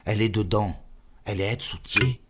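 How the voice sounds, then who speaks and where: Man doing an old bearded man, hushed. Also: on the low side, brisk, background noise, pitched above the performer's own voice, close to an everyday voice. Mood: hushed, insistent.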